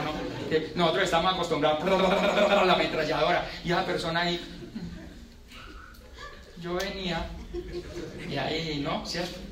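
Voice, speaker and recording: A man's voice: fairly high pitch, background noise. A man preaching a sermon in a church, emphatic and conversational with touches of humor.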